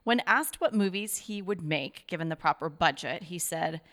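Low-voiced woman reading film trivia. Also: animated, normal speed, a bit bright. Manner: reads notes aloud with fillers. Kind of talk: reading facts in casual chat.

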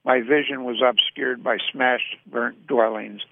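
A man giving a measured, sombre literary reading, recorded with a tinny, dry radio sound. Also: medium pitch, fairly even intonation, vocal fry, background noise.

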